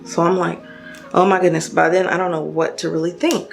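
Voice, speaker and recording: A woman's voice: lowish voice, little pitch movement, fairly quick, vocal fry, soft background music. A young woman telling a personal story to her viewers while doing her makeup, casual and chatty with lots of fillers and restarts. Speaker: beauty vlogger.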